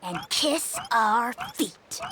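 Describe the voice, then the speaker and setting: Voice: medium pitch, big pitch swings, very slow, background noise. An actor playing a bratty, grandiose little dragon lord in a video game, bombastic and haughty. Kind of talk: video game villain-like comic acting.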